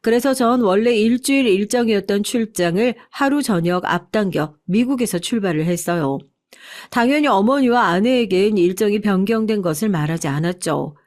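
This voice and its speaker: A woman narrating a listener's true story in a steady, earnest storytelling voice. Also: mid-range voice. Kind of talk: scripted narration of a reader's story.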